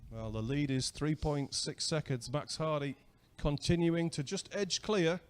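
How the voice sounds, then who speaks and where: A man's voice: a little high, unhurried, clear, resonant tone. A man with a British accent doing live race commentary, chatty and asking his co-commentator questions. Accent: British English.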